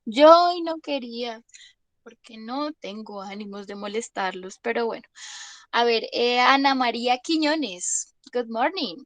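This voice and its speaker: A female English teacher with a fairly high, somewhat bright voice and lively intonation teaches an online lesson at a measured pace. She explains patiently, regularly checking that students follow by asking tag questions. The recording is dry.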